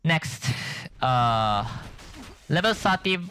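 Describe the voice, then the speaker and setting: A man's voice: on the high side, very animated, very slow, pushed and bright, smooth. Tired man rambling over gameplay. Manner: rambling, thinking aloud with self-corrections. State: tired from lack of sleep. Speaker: gameplay streamer. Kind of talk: casual gameplay commentary.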